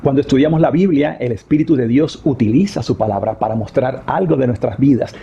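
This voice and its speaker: A man teaching a devotional Bible study in a measured, explanatory way, rereading a verse and stressing a different word each time. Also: medium pitch, creaky, warm tone, lo-fi sound, a little hiss or hum.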